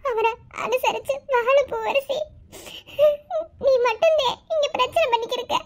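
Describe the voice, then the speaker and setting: A woman doing a high-voiced fond village mother. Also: measured pace. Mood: advising. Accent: Madurai Tamil. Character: fond village mother advising her daughter. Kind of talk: cartoon voice acting.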